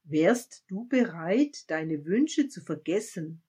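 A wise old man from a spoken fable, read by a woman. He speaks calmly and gently, low and unhurried. The voice is soft and slightly breathy. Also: heavily acted. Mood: gentle. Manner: calm, gentle, measured.

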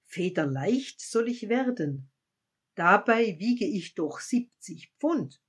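A woman voicing an eager, curious young child in a spoken story, raising her voice high and rattling off lists with excitement. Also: takes it slowly, slightly rough, exaggerated voice. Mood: puzzled.

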